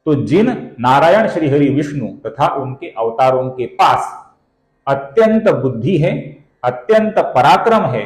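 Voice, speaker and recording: A man teaching the pronunciation of verses, speaking slowly and deliberately and stretching out syllables, and addressing viewers as friends. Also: on the high side, reverberant, poor audio. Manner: slow and deliberate, stretching out syllables when he chants. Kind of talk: slow, careful recitation lesson.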